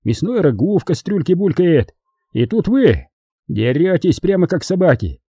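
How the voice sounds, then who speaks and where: A man doing a booming stout constable. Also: sing-song, moderate pace, mellow, breathy edge, no echo, clean studio sound, exaggerated voice. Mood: grumbling. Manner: booming, good-natured.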